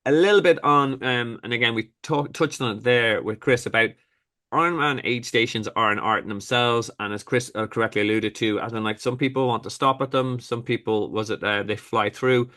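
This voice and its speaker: A man's voice: mid-range voice, a little fast, pushed and bright. A man hosting as a triathlon coach, upbeat and chatty in conversation. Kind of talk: conversational talk.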